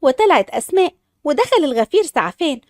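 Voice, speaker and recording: Woman narrating an audio story, very high voice, dry close sound. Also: very animated, quick pace, no room sound.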